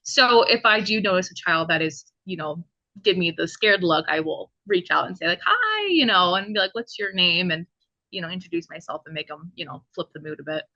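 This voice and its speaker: Chatty woman, bright voice. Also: on the low side, a little fast, no room sound, muffled recording. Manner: chatty, laughs often. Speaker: podcast guest, cryptid costume performer. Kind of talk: casual chat. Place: home, indoors.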